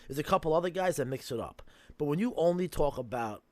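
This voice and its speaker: A man's voice: fairly high pitch, expressive, quick pace, mellow, no room sound. A man hosting a casual podcast, musing in a rambling, speculative way and swearing freely between coughs. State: coughing from smoking. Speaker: podcast host. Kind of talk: casual chat.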